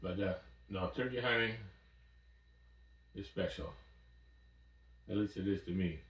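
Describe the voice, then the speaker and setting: A man's voice: deep voice, measured pace, a bit bright. Easygoing older guy in his 60s yapping to camera in a cabin, sounds a bit far off n echoey. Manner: folksy, easygoing storyteller. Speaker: outdoors vlogger. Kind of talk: casual chat to camera. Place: small cabin by a wood stove, indoors. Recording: roomy sound from off-mic.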